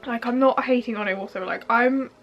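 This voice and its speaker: A young woman, sniffly from allergies, gushing and rambling excitedly in a casual vlog at home. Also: on the high side, lo-fi sound, faint music behind. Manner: gushing, giggly, fast and rambling with many fillers. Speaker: YouTuber reacting to a game trailer. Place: home front room.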